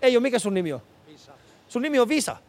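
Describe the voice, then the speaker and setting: High-voiced radio host out on the street. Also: male voice. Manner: energetic, laughing, calling out names to passers-by. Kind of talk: live charity radio broadcast, street stunt. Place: city street outdoors, passing traffic. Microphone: handheld mic.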